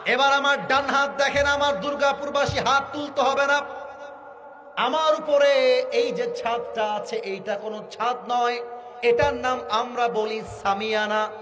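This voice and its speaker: High-pitched preacher, slow and shouting. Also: male voice, faint music behind. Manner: calls out to the crowd and asks for answers; shouts at peaks, acts out quoted fighters. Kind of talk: sermon.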